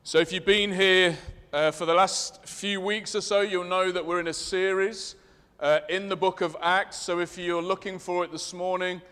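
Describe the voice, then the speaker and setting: A man with a Leicester accent delivers a sermon in a large, reverberant hall. His voice sits high for a man and comes across crisp and clean. He explains things in measured, short phrases. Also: little pitch movement, pushed and bright. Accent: English East Midlands, Leicester. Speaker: preacher. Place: large reverberant room, preaching to a congregation. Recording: long reverberant hall sound.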